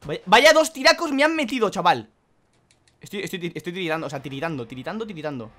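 An excitable young man narrates his gameplay with swearing and loud outbursts. His voice sits high and leaps around in pitch. He talks fast and sounds bright and tense. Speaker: gaming YouTuber.

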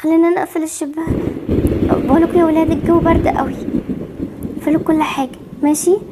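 A woman's voice: very high-pitched, level tone, fast talker, very noisy. A woman voicing Barbie, an anxious, protective young mother with an Egyptian accent, fretful and soothing in an amateur game movie. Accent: Egyptian Arabic.

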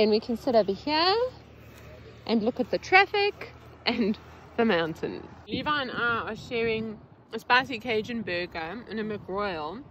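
A woman's voice: fairly high pitch, a bit bright, slight background noise. A woman in her forties with a South African accent, chatting playfully to the camera during a road-trip vlog from inside a car, filmed on a phone held at arm's length. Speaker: vlogger. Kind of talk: casual travel vlog. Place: inside a car at a petrol station.

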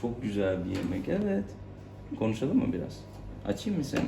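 A man's voice: on the low side, sing-song, fairly quick, creaky. A man working as a vet, talking soothingly to a cat in a clinic. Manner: soothing, coaxing, talks to the cat. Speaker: veterinarian. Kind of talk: casual talk while handling a cat. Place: veterinary clinic room. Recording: echoey room, distant mic, loud background noise.

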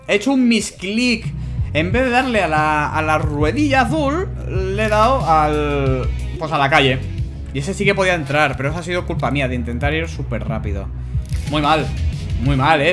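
A man with a Spanish accent giving casual, animated commentary on a video game as he plays, swearing and shouting at his own mistakes. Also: fairly high pitch. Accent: Spanish from Spain. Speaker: gameplay YouTuber. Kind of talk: casual let's-play commentary. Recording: music playing behind.

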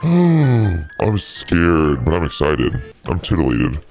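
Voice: wildly swooping pitch, darkish tone, faint music behind. Demonic filtered voice of a ghoul queen. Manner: playful, hammy and quick to joke. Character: termite ghoul queen, a campy vain undead monarch. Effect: demonic voice filter, pitched far down. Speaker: masked mystery guest. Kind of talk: in-character casual chat.

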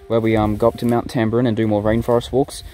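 A man's voice: on the low side, little pitch movement, quick pace, dark tone, faint music behind. Chatty young man vlogging. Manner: chatty, rambling, easygoing. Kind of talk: casual vlog narration and walk commentary.

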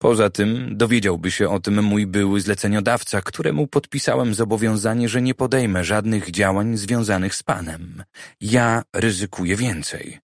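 A man voicing a cautious, clever private detective who talks in a measured, persuasive way, in an audiobook. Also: lowish voice, dry recording, studio quality.

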